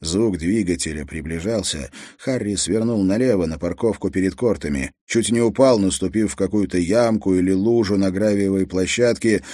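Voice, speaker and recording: Man narrating a thriller audiobook, low voice. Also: moderate pace, few pauses, mellow, no echo, studio quality. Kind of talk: scripted narration.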